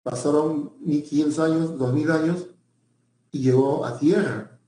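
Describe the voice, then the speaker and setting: A man's voice: a little high, a little slow, warm tone, echoey room. A male teacher giving a pre-university language lecture, often repeating himself and checking in with his students.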